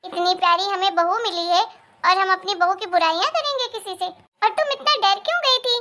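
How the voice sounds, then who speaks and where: A firm but loving mother-in-law in a cartoon family story, with a very high voice, as a woman plays her. She reassures and gently lectures at length. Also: moderate pace, a little hiss or hum.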